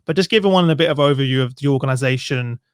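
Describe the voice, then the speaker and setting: A young man hosts a podcast from a room at home, friendly and casual, using a few fillers and restarts. He speaks on a studio mic with headphones at a racing pace, his mid-range voice clean in tone on a dry recording.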